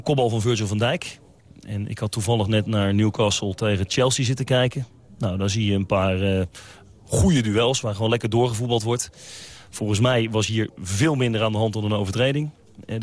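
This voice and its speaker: A man, a football coach, answering questions after a match in a measured, reflective way with hesitations. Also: fairly low pitch. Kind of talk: post-match interview.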